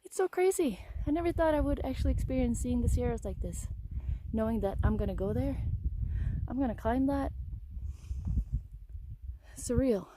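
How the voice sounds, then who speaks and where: A woman filming a casual vlog outdoors on a hiking trail, talking in an excited, exclaiming way. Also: a little high, normal speed, pauses often. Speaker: vlogger hiking a long trail. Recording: outdoor recording with clear background noise.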